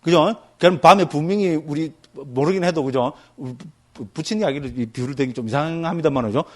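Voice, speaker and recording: A man with a somewhat high voice lectures on Buddhist teaching as a monk. He talks in a lively, vivid way and keeps asking his audience to agree after almost every phrase. His examples are graphic and full of sound words. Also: brisk. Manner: lively, tags nearly every phrase with a check-in question to the listeners.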